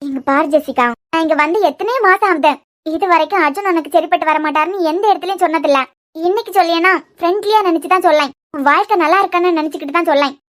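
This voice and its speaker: A woman voicing feuding young cartoon women, shrill and quick. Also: fairly bright tone. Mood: angry. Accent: Kanyakumari Tamil. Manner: heated, reproachful arguing. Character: quarrelsome young women in a family feud. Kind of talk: cartoon dialogue acting.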